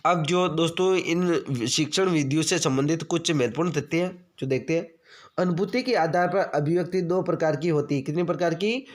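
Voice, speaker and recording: A young man with a slightly high voice delivers an exam-prep lesson. He drills his listeners by asking a question, answering it himself and repeating the fact, and he keeps calling them friends. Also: normal speed. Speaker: teacher.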